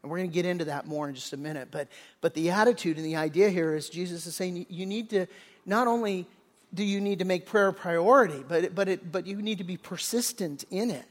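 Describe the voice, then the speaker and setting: A man's voice: high-pitched, brisk. An older man preaching a conversational sermon as pastor, folksy and full of restarts, often acting out the characters' lines. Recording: long reverb of a large hall.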